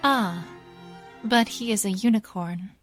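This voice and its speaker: A woman voicing a regal, composed pony princess with a soft, measured, formal manner, in a fan-made audio drama. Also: medium pitch, soft background music, lightly acted. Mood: regretful, firm.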